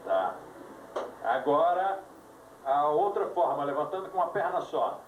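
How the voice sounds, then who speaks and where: A man's voice: a little high, expressive, measured pace, narrow, tinny audio, a little hiss or hum. Man teaching yoga on an old VHS tape. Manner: didactic, giving commands with dry jokes. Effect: old VHS tape recording. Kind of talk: live class instruction. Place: yoga class room. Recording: echoey room, voice from far off, music behind, old VHS tape.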